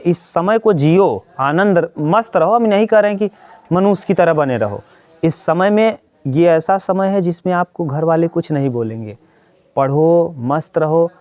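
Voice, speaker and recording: A man's voice: a little high, a little mellow, no echo. A male coaching teacher giving his students an earnest pep talk in the middle of a maths lesson, repeating his points and answering his own questions. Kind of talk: motivational talk to students during a maths class. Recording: dry, dull lo-fi sound.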